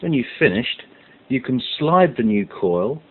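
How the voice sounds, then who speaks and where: A man presenting a hands-on science tutorial speaks a little slowly in a mid-range, sing-song voice. He lays out each step methodically, leaning on the key words. Background hiss and muffled lo-fi quality mark the recording.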